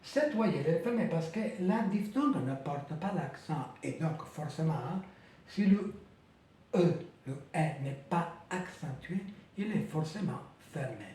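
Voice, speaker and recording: A man teaching a language lesson, saying example words slowly and repeating them carefully. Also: on the high side, expressive, a little mellow. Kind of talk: slow language lesson for French speakers. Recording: echoey room, voice from a distance.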